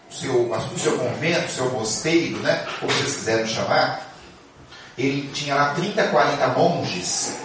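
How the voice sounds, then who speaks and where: A man telling a religious story to an audience in a lively, chatty way, with asides to the listeners, recorded by a distant mic in a large hall. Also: mid-range voice, slight background noise. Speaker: speaker. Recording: echoey hall from far off.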